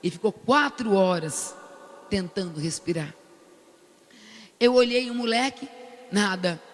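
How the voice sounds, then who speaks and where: An older woman with a Brazilian accent giving an animated testimony at a prayer meeting, acting out the lines she quotes. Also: medium pitch, slow pace, long reverb tail. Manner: animated storyteller who loudly acts out the quoted lines. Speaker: prayer group speaker. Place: large cathedral.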